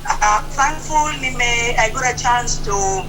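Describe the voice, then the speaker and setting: Woman from Mombasa, high-ish voice, relaxed remote guest, clear traffic noise behind. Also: slow pace. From Kenya, Mombasa. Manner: relaxed, reflective, mixes English with Swahili. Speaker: guest, catering business founder. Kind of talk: remote interview. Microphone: phone or video call. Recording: noisy remote call line.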